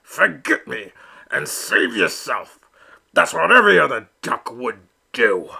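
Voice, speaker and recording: A man voicing an old, stubborn father duck who speaks gruffly and insistently. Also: medium pitch, big pitch swings, unhurried, pushed and bright, full character voice. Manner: gruff, insistent and distant-sounding.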